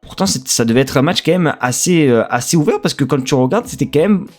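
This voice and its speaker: A man's voice: fairly high pitch, animated, fast talker, faint music behind. A man from France with a French accent, casually previewing a football match as a streamer, chatty and hesitant with many fillers.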